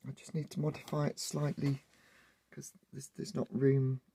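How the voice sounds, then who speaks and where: A hobbyist with a wheezy, husky voice narrates workshop work casually. The delivery is halting and full of thinking aloud, with a gravelly creak from a sore, hoarse throat. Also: medium pitch, monotone, mellow, no echo. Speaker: host of a hobby workshop channel.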